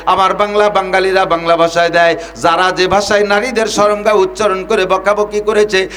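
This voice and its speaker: A man from Bangladesh delivering a waz sermon in a high, ringing voice. He preaches with passion and climbs to loud cries, and he chants Arabic verses between his lines. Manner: impassioned, rising to loud cries.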